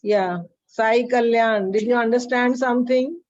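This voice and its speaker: A woman with an Indian accent teaches chemistry in an online class, heard through a screen recording with dull, lo-fi video call audio from a computer mic. Her voice is on the high side with fairly even intonation, a measured pace and a darkish tone. She calls on students by name and checks that they're following.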